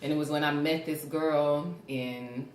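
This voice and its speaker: A woman's voice: sits low, fairly even intonation, a little slow. A woman in her twenties hosting a casual group chat, candid and laughing, swearing casually. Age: 20s. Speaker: host. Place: studio room with a table of friends. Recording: roomy echo, faint hiss.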